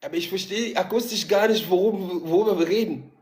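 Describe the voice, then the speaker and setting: A man's voice: sits high, a little fast, a little mellow. A man from Gabon hosting a casual video-call chat, teasing and questioning his guest playfully. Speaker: live-stream host.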